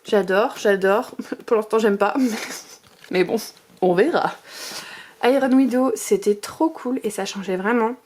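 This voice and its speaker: A woman's voice: medium pitch, measured pace, long pauses, a little mellow. A woman in her thirties chatting casually as a book vlogger, gushing and rambling with fillers and restarts. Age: 30s. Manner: chatty and gushing, piles up superlatives. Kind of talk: casual bookshelf tour chat.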